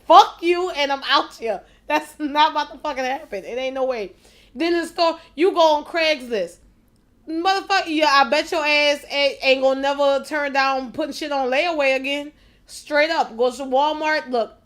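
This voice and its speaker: High-voiced woman ranting in disbelief. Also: moderate pace. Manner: loud, profane, laughing disbelief; addresses viewers directly. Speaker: reaction video host. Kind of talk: casual reaction commentary.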